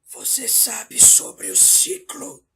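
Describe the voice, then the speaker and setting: A frail, dying old man rasps out his warnings in a breathy whisper. The voice is slow and gravelly, with a bright, thin edge to it. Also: very high voice, wildly swooping pitch, pitched above the performer's own voice, full character voice. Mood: ominous. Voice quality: raspy whisper. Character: dying old man, hoarse from throat cancer, ominous. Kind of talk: audiobook character voice.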